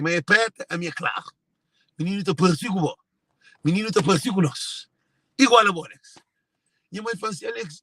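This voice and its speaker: A man's voice: high voice, pushed and bright, no echo. A Cape Verdean man speaking in an emotional monologue to viewers, repeating and circling back to his phrases. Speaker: speaker sharing personal family story.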